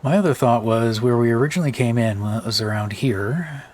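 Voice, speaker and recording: A man's voice: medium pitch, normal speed, darkish tone. A man with a tired voice giving casual, rambling let's play commentary, thinking aloud with many fillers.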